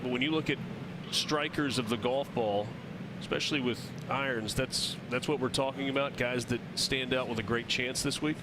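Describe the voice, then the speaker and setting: A man's voice: mid-range voice, steady tone, normal speed, background noise. A man calling golf play-by-play as the lead commentator on a broadcast.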